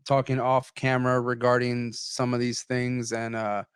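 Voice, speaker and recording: A man's voice: mid-range voice, little pitch movement, moderate pace, smooth, no room sound, clean studio sound. A man hosting a casual podcast, reading news items aloud and chatting with a co-host, rambling with many fillers, his sinuses stuffed up. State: congested sinuses.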